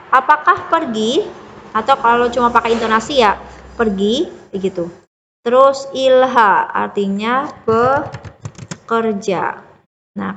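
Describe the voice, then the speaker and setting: A woman's voice: a little high, a bit bright, slight background noise. Patient woman teacher with a ringing echo. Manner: patient, explains step by step with frequent "ya" and "gitu". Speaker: Korean language teacher. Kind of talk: classroom-style lesson explanation.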